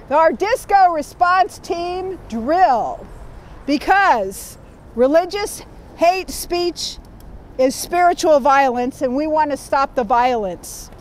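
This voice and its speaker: A woman's voice: high voice, slight background noise. A woman leading a community training, reading a guide aloud to a group in a projecting teacher voice and checking in with them.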